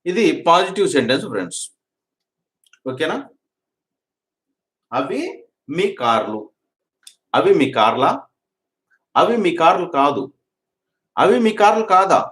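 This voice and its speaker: A man with a Telugu accent teaching an English grammar lesson. He drills example sentences, repeats each one and urges his students to practise quickly. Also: mid-range voice, fairly bright tone, reverberant.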